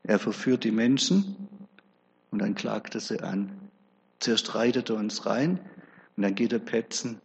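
A man preaching a sermon, telling the story in a lively, chatty way with conversational asides. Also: mid-range voice, vocal fry, breathy edge, in a large hall, highs cut off.

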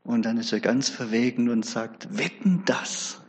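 A man preaching a sermon, telling the story in a lively, chatty way with conversational asides. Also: medium pitch, normal speed, husky, in a large hall, rough recording.

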